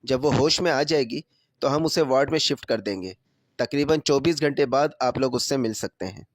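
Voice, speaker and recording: A man voicing a calm female hospital doctor who speaks gently in a storybook reading. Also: mid-range voice, no room sound, studio quality, lightly acted. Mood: gentle. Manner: gentle, professional.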